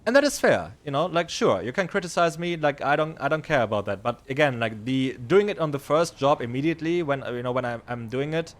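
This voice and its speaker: A man talking in character as a biker club member, his voice sitting at an ordinary middle pitch. He rambles and stumbles through restarts and fillers, then turns loud and exasperated when he defends himself. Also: expressive, a little fast, few pauses. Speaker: roleplay streamer playing a biker club member. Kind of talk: in-character casual chat.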